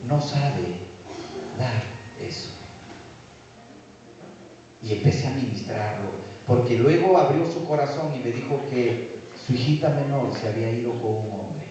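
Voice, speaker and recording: A man's voice: mid-range voice, a little slow, a little hiss or hum. A Peruvian man, a pastor, telling a story in a sermon and acting out every voice in it. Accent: Peruvian Spanish. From Peru. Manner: animated storytelling, acts out dialogue. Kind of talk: sermon testimony. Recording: echoey hall, distant mic, dull sound.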